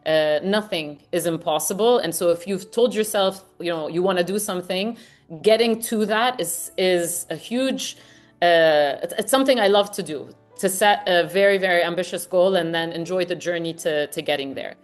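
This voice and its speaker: Interview guest, woman, forties, from Lebanon; earnest, restarts often; lowish voice over soft music. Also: normal speed. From Lebanon, raised partly in the US. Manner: earnest, reflective, with frequent restarts. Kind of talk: casual interview chat.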